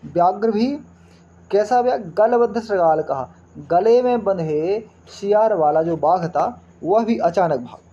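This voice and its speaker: The speaker is a man whose voice sits high, with lively intonation and a mellow quality, recorded with lo-fi sound. Teaching Sanskrit, he works through the text line by line, reading verses slowly, explaining them word by word, and asking rhetorical questions.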